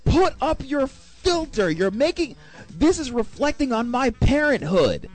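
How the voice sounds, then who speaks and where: A man voicing an exasperated mother who scolds her teenage daughter in a shrill, raised voice. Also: sing-song, unhurried, soft background music, heavily acted. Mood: scolding.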